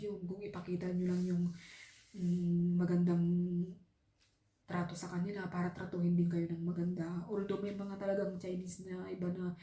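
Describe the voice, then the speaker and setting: A woman's voice: fairly low pitch, warm tone, echoey room. A woman from the Philippines working abroad as a domestic helper, earnestly telling her own story in a casual vlog and often speaking straight to her viewers. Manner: earnest, heartfelt, often addresses viewers as "guys".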